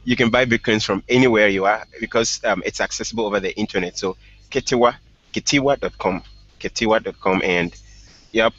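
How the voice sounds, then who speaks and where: A relaxed man talks over an online call with a lowish voice, laughing easily and pausing on fillers. The sound is dull and lo-fi, with no room echo at all. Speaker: startup founder guest. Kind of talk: casual online discussion. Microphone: headphones with mic on a call.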